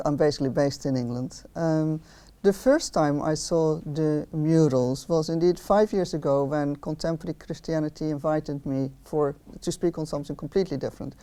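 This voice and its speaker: This Dutch-accented woman from the Netherlands has a low, warm, clean voice. She is a philosopher of art and interviewer giving a public talk at an outdoor garden event, hesitating often with fillers and restarts.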